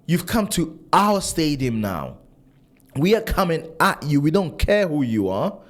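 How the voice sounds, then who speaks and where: A man born and raised in Italy, a football fan vlogger, ranting in a casual, animated and frustrated way, full of restarts and rhetorical questions. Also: on the high side, a little slow. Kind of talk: casual opinion rant to camera.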